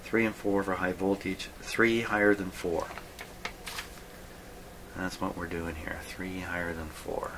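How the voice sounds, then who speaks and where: In a radio repair workshop, the deep-voiced host of a repair video talks slowly through a hands-on demonstration. He mutters to himself, thinking aloud with frequent pauses, while steady noise is clearly audible behind him.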